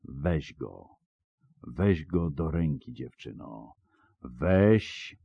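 A man's voice: rumbling low, animated, drawn-out words, creaky, dark tone, breathy edge, no echo, muffled recording, heavily acted. A man voicing a solemn old swordsmith. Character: grave old male swordsmith, solemn and prophetic. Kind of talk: audiobook character voice.

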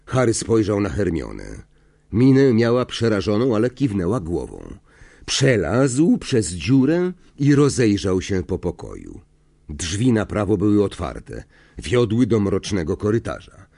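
A man narrating an audiobook in an expressive, suspenseful way. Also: lowish voice, a little slow, vocal fry.

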